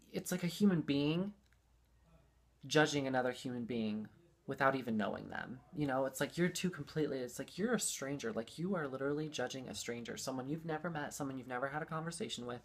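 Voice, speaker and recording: Speaking as a guest, a young adult tells personal stories in a casual, heartfelt way with a mid-pitched voice. The earnest delivery rambles and stresses points by returning to the same phrases again and again.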